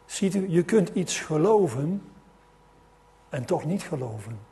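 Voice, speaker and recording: A man's voice: on the high side, very animated, measured pace, mellow. A middle-aged man preaching a sermon, telling a story with rising emphasis and frequent restarts.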